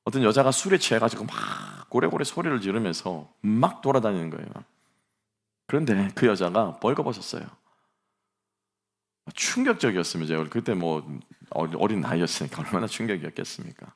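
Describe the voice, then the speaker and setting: A man's voice: fairly low pitch, animated, brisk, gravelly. A middle-aged man preaching a sermon as pastor, telling a story and asking the congregation rhetorical questions.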